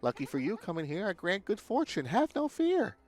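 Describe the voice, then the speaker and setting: Cheery mystical video game fortune teller, female shopkeeper, played by a man, pitched high, sing-song rhyming patter, light music behind. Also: wildly swooping pitch, brisk, heavily acted. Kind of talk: video game dialogue read aloud.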